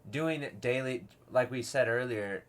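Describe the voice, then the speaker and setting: A man's voice: mid-range voice, measured pace. A man in casual podcast conversation, rambling and peppering his talk with "like" and restarts.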